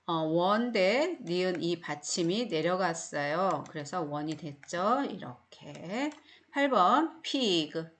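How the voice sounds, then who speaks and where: Speaking slowly with few pauses, this middle-aged woman uses a lowish, expressive voice as she teaches phonics online. With a Korean accent, she explains each word patiently in the recorded English lesson, repeating it many times.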